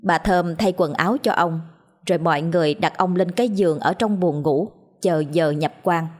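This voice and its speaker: Lower-voiced woman narrating a ghost story. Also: normal speed, a little mellow.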